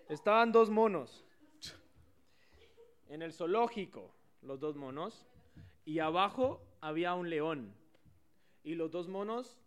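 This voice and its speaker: A man guest in casual chat, telling jokes playfully and hamming up voices. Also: high voice. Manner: playful, hams up joke voices.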